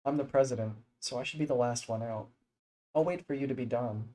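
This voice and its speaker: A man reading the lines of a soft-spoken, apologetic teenage girl club president aloud. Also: mid-range voice, a little fast, natural voice, low-quality recording. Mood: calm. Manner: gentle, apologetic, read aloud from screen.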